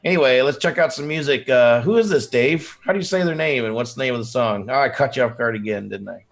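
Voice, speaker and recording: A man's voice: medium pitch, quick pace. A man co-hosting a live music show, talking in a loose, joking, chatty way. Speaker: co-host. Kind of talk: casual live show chat.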